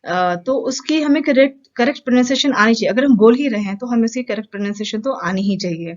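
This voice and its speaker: A woman's voice: fairly high pitch, quick pace, highs cut off. Indian woman teaching English pronunciation. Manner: explains patiently, with frequent hesitations and repeated examples. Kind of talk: casual Hindi-English lesson.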